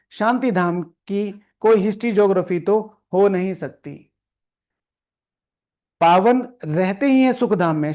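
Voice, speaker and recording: A man's voice: high voice, darkish tone. A man teaching a spiritual class, reading the lesson aloud and explaining it, scolding the listeners, repeating lines and asking the room questions. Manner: often adds "theek hai" as a check-in. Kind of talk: sermon with explanation to a seated class. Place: meditation hall with a live audience.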